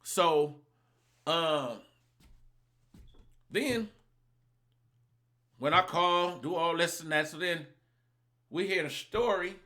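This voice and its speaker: A man tells a story from his own life in a loose, profane monologue. His voice sits a little high and sounds bright and forceful. He keeps acting out what other people said. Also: very slow, pauses often. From Los Angeles. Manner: animated, profane, acts out other people's lines. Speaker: vlogger telling a personal story.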